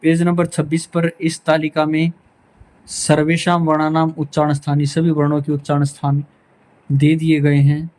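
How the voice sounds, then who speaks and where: A man's voice: on the high side, completely flat delivery, normal speed, darkish tone, low-quality recording. A male teacher giving a pronunciation lesson, saying each sound aloud to demonstrate it.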